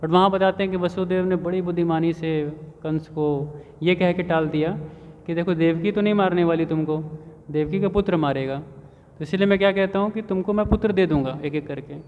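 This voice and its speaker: A man with a high voice tells a devotional story in a sermon and keeps asking the audience rhetorical questions. His voice rings out in a long hall reverb, and the sound is a little dull and muffled. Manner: narrates with frequent rhetorical questions. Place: temple hall.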